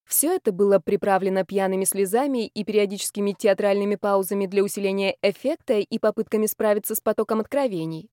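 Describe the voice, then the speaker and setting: A woman reading an audiobook in an expressive first-person narration. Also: medium pitch, fast, hardly any pauses, no echo, clean studio sound. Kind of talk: scripted narration.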